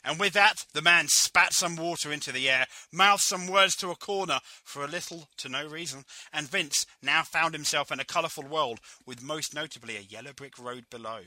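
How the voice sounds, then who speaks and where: A man's voice: on the high side, normal speed, hardly any pauses, pushed and bright, no room sound. A man co-hosting a podcast, reading a comic story aloud and stumbling over words. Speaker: podcast co-host.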